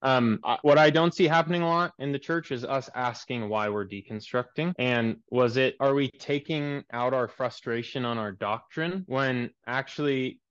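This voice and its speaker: A young man in his twenties talks earnestly about church life in a preacherly way. His voice comes through a muffled, lo-fi line with a dry, close sound and no room around it. He sits at a middling pitch for a man. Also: normal speed, few pauses, clear, resonant tone, dry recording. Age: 20s. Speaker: pastor and guest. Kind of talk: podcast interview.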